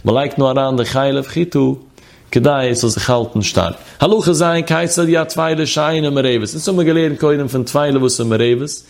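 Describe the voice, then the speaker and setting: A man's voice: medium pitch, normal speed, gravelly. Man in a sing-song study lesson. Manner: sing-song study chant, reading phrases then explaining. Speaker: religious teacher. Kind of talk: chanted text study lesson.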